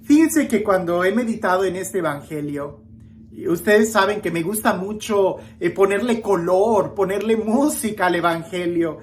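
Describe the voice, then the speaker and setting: A woman reading the gospel and giving a reflective homily, slow and expressive, with dramatic emphasis and small restarts. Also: medium pitch, slight background noise. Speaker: preacher.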